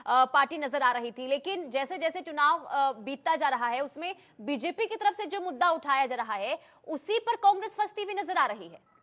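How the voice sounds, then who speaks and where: A woman with a high voice anchors a political debate on television. She asks her questions in a measured, probing way and keeps the guest on point. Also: expressive, a bit bright.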